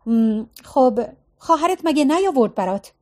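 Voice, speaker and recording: A woman's voice: high voice, lively intonation, warm tone. Narrator doing a detached young guy, clipped and casual. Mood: offhand. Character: young man, aloof and restless.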